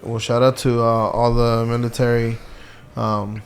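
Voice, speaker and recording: A man hosting a casual podcast chat, laid-back and giving friendly shout-outs. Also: mid-range voice, little pitch movement, a little slow.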